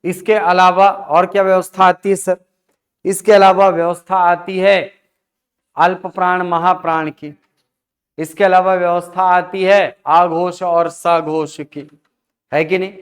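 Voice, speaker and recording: Male teacher, fairly high and resonant voice, explaining step by step and answering his own questions. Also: level tone, measured pace, clean tone. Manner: asks and answers his own questions, addressing students as sir. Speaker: Hindi teacher. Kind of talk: classroom lecture on phonetics.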